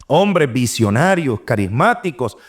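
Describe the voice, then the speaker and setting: A middle-aged man, preaching an animated sermon and acting out the voices he quotes. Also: mid-range voice, a little slow.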